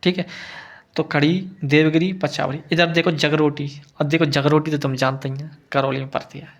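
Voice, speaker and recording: A man's voice: on the high side, level tone, normal speed. A male teacher giving an exam-prep lesson over a map, repeating each answer and quizzing students with questions he answers himself.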